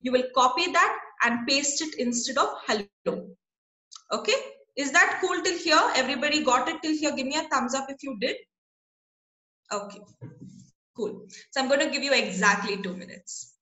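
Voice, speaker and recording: Teaching over a video call, this woman stays patient and keeps asking how her students are following. Her voice is high and bright, she speaks at a moderate pace, and her room carries an echo.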